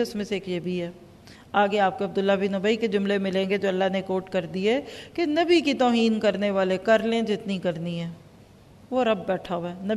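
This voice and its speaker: A woman teaching a religious lesson, explaining with lively acted-out quotes. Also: medium pitch, long reverb tail. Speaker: Quran teacher.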